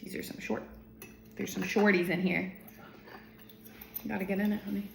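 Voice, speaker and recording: A woman's voice: medium pitch, flat delivery, moderate pace, creaky, slight background noise. A woman cooking pasta in her home kitchen, explaining each step in a chatty, casual way.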